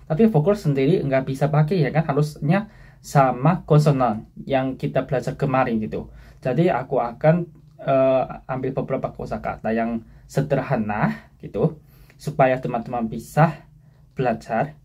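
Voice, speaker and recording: A man from South Korea with a Korean accent gives a casual, friendly language lesson. He says words slowly and repeats them for learners. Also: mid-range voice, mellow, slightly rough. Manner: friendly, addresses viewers as friends.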